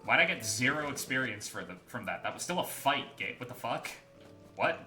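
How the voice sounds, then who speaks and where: A man's voice: mid-range voice, lively intonation, normal speed, pushed and bright, echoey room, faint music behind. A man giving casual, sardonic and profane commentary as he plays a video game.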